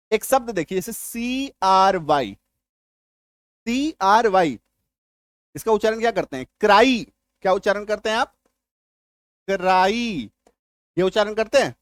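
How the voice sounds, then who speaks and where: A man's voice: high-pitched, no room sound. Man teaching, constantly checking understanding. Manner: keeps checking understanding with questions; repeats words slowly to drill pronunciation. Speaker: English teacher. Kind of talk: classroom-style video lesson.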